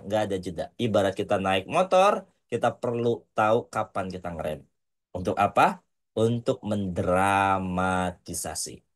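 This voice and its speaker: A man giving an online public speaking lesson to university students, casual and lively, slowing down for dramatic pauses and sprinkling in English words. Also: mid-range voice.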